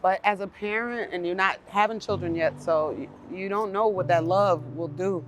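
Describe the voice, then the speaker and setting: A middle-aged woman, a guest in an interview, talks openly and emotionally in a casual conversation on an outdoor porch. She is talkative and laughs often, with a medium-pitched voice at normal speed. There's slight background noise.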